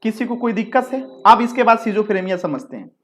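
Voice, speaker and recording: A man's voice: high-pitched, expressive, moderate pace, a bit bright. Guy teaching a live exam prep class, chatty, repeats stuff, jokes with students. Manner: chatty, repeats points, asks rhetorical questions to the class; banters with students between explanations.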